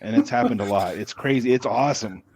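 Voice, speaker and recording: A man's voice: medium pitch, vocal fry, a little mellow, slightly rough. A man, a podcast guest, answering interview questions casually, often stopping and restarting his words. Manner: halting, with many restarts and repeated words.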